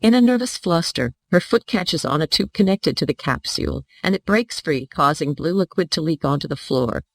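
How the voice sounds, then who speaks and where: Gravelly synthetic audiobook narrator. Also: mid-range voice, expressive, normal speed, no room sound, low-quality recording.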